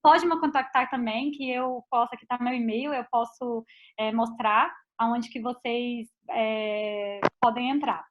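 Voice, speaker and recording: A Brazilian woman scientist, an invited speaker, gives a casual online talk with a Brazilian Portuguese accent. Her voice is fairly high with a steady tone and a slightly slow pace, and she's chatty, often tagging sentences with "tá?" and "né?". It's dull, lo-fi video call audio.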